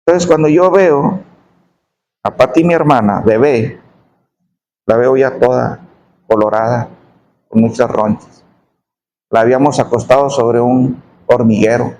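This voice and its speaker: A middle-aged man telling a testimony in a sermon, his voice dropping low and slow on painful memories. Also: darkish tone, low-quality recording. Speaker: preacher giving testimony.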